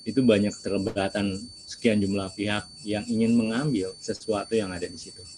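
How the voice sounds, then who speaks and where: A man's voice: lowish voice, steady tone, fairly quick, background noise. A man giving a lecture to students, asking rhetorical questions and answering them himself. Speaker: seminar speaker.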